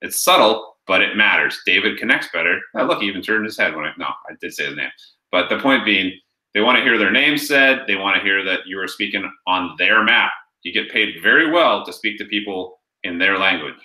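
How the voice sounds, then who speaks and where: Male sales coach, low and forceful, energetic delivery, roomy echo. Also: brisk. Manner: energetic, punchy, keeps asking "right?". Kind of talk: coaching session on a group call.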